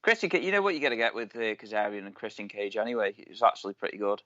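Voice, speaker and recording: A man's voice: lowish voice, big pitch swings, very fast, sharp tone, dry recording. Teasing man on a lo-fi mic. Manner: cheeky, teasing, crude jokes. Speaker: podcast co-host. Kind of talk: casual chat. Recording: dull lo-fi dry sound.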